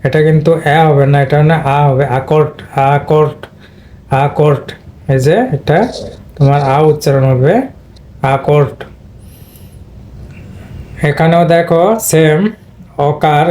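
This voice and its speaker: A man teaching in a low, mellow drone. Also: little pitch movement, a little fast. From Bangladesh. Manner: explains step by step, repeats words, throat clearing. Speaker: English pronunciation teacher. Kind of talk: informal spelling and pronunciation lesson.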